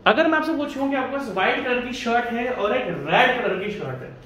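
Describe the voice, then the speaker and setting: High-voiced chatty male tutor, echoey room. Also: expressive, fairly quick, a bit bright. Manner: chatty, asks and answers his own questions. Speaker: engineering exam tutor. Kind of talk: casual Hindi lecture. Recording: echoey room from far off, faint hiss.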